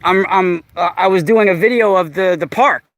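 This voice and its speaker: A man's voice: high-pitched, moderate pace, fairly bright tone, no echo. A man in his forties recording a vlog outdoors in a park, talking in a sarcastic, confrontational way and repeating himself. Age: 40s. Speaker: vlogger. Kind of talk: casual vlog, arguing with a stranger. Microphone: camera mic while filming.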